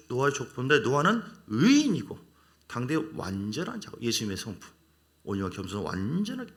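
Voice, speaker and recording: A male pastor with a Jeolla Korean accent, preaching a sermon in an animated way and acting out the voices of the people he quotes. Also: mid-range voice, creaky.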